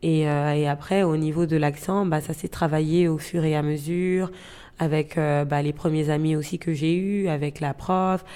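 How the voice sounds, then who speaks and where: A young woman in her twenties from Gabon recounts her own past in an interview. Her voice sits a little low for a woman. She speaks reflectively and hesitantly, often pausing on fillers and restarting her sentences. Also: fairly even intonation, dark tone, clear, resonant tone. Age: 20s. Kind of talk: reflective personal storytelling.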